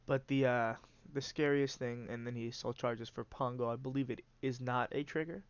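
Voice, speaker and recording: A man whose nose is stuffed up hosts and commentates a card game with rambling, casual play-by-play, using a mid-range, fairly even voice at a moderate pace. The recording is muffled with slight background noise, and his talk is full of "uh" fillers and restarts.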